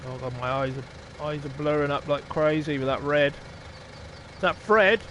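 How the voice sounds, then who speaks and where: A man live-streams a farming game, thinking out loud, chatting with viewers, and casually swearing as he plays. His voice is a little high and fairly bright, and he keeps a moderate pace on a lo-fi recording with slight background noise.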